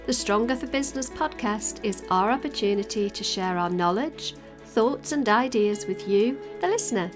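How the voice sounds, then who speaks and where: A woman hosting a podcast, reading a scripted welcome and then chatting with her guests. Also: medium pitch. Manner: bright and welcoming in the intro, chatty when hosting. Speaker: podcast host.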